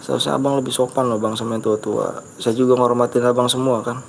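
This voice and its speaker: A man's voice: medium pitch, flat delivery, fast talker, creaky, slight background noise. A man with a Betawi Jakarta accent hosting a casual live game stream, chatting with viewers, reading their comments and lecturing rude ones on politeness.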